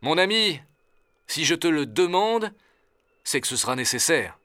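A man's voice: fairly high pitch, big pitch swings, a little slow, pushed and bright, no room sound, studio quality, voice pushed up, heavily acted. A man doing a commanding expedition doctor. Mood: urgent. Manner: urgent, giving orders. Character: commanding male doctor, expedition leader, decisive. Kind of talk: storybook reading.

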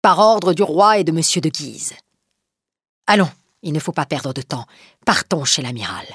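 A woman doing Maurevel-type storybook villain: a sneering man with a cruel edge, lively swings in pitch, breathy. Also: moderate pace, dry recording, studio quality, heavily acted. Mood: sinister. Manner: menacing, scornful. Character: scheming male killer with a cruel smile.

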